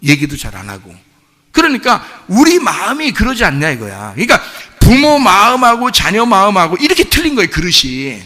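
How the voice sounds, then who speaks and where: Middle-aged guy preaching a sermon, chatty, lots of questions to the crowd, bright tense voice, big church echo. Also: high voice, huge pitch swings, fairly quick. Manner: conversational preaching, rhetorical questions, acts out quoted voices. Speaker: pastor. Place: church sanctuary. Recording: long reverb of a church hall.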